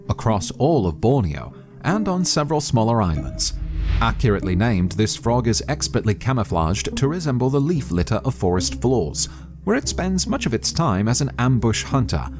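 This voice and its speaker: Lively male nature documentary narrator over music. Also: mid-range voice. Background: prominent background music.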